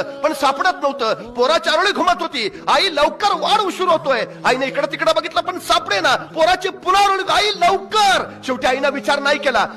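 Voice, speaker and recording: A man telling an emotional story as a motivational speaker, in a sing-song, dramatic delivery. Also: very high-pitched.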